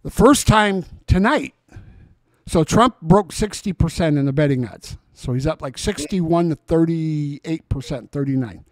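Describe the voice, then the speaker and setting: A man's voice: on the high side, a little slow, no echo. A man of sixty hosting a casual, rambling chat with a guest. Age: 60s. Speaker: host.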